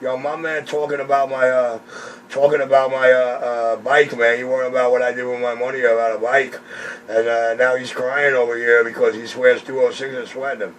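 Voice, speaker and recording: A man's voice: medium pitch, flat delivery, fairly quick, fairly bright tone. A man talking over CB radio, mocking and complaining about another operator. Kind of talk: radio chatter. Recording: distant radio audio with faint hiss.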